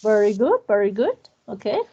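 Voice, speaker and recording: A woman's voice: medium pitch, sing-song, moderate pace, dark tone, slightly rough, highs cut off. A woman teaching English grammar to a class, patiently repeating students' answers and praising them.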